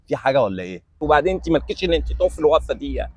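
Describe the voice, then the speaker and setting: A man's voice: fairly high pitch, very animated, breathy edge, dry recording. A young man with an Egyptian accent playing a rude, arrogant man in a web sketch, talking brusquely and dismissively. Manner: brusque, dismissive, quick to shout.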